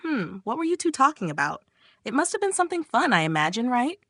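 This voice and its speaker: A woman's voice: on the high side, sing-song, fast, a bit bright, dry recording, pitched above the performer's own voice, full character voice. A woman voicing a flustered, caring younger sister who pleads anxiously in a manga recap.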